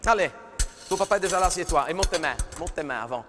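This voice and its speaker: A man's voice: a little high, expressive, quick pace, over music, lightly acted. A man voicing a nagging middle-aged mother who scolds her daughter in a live stand-up sketch, fussing and repeating herself. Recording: reverberant live arena recording.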